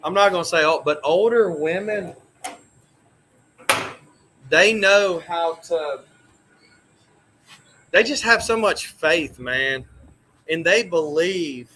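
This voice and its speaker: A young man chatting casually, his voice pitched high and bright. He rambles through family stories with frequent restarts and lively asides. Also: slow pace, pauses often, slight background noise, poor audio. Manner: rambling, animated storyteller with many restarts. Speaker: coffee roaster host. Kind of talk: casual storytelling chat.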